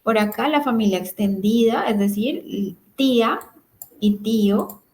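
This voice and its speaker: A woman in her thirties with a slightly high voice teaches an online English class. She explains each word patiently and alternates with English terms. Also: a little slow, a little mellow. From Colombia. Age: 30s. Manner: patient, explanatory, switching between Spanish and English words.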